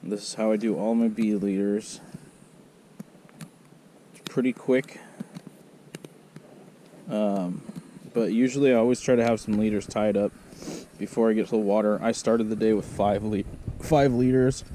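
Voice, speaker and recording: A man's voice: lowish voice, fairly even intonation, measured pace, long pauses, dark tone. A man in his thirties giving casual, chatty commentary to viewers as a fishing vlogger. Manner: informal, chatty, addressing viewers as guys. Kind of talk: casual first-person fishing vlog commentary. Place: outdoors on a wooded riverbank. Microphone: action camera worn or held at arm's length. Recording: clear outdoor ambient noise by a river.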